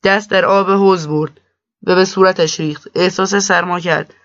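A man narrating a story in a steady, measured reading. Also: sits high, no room sound. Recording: dull lo-fi dry recording.

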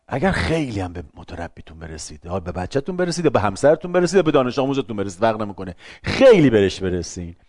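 A middle-aged man giving a lively talk to an audience, acting out short everyday dialogues in shifting voices. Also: lowish voice, dry recording, clean studio sound. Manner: acts out little dialogues in changing voices.

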